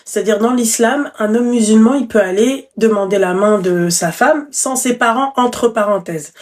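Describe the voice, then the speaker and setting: A woman with a fairly high voice hosts a casual live call-in. She speaks in French suburban street slang and addresses callers with affectionate pet names. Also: normal speed, darkish tone. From Morocco or Moroccan background. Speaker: live stream host taking calls.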